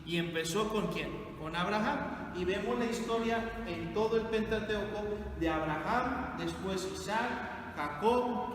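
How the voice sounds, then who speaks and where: Man, Bible study teacher, quizzes the group, noisy distant recording. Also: high voice. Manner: asks the group questions and repeats their answers. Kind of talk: classroom Bible lesson with questions to the group. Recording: echoey hall from far off, noisy.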